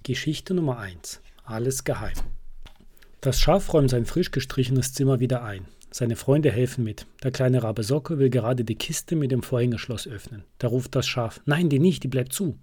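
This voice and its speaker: A man reading a children's storybook aloud as narrator, calm and storytelling, close to the mic. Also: mid-range voice, normal speed.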